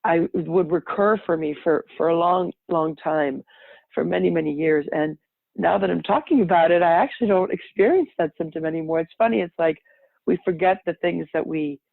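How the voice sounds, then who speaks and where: A gravelly, lowish female voice at normal speed belongs to a middle-aged woman with French as her first language. As a podcast guest she tells her own story casually, reflective and rambling, often stopping to correct herself mid-sentence. The recording is dry and has a tinny phone-line sound.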